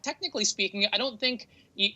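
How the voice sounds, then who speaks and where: Bright-voiced American man, halting interview answers. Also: high-pitched. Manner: hesitant, halting, repeats words while thinking. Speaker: interview guest, tech entrepreneur.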